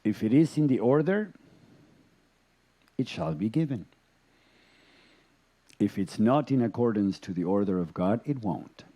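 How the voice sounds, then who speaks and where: A man teaching a yoga lecture to a live audience, telling stories in a deliberate, gentle way with chuckles. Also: on the low side. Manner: animated storytelling, chuckles.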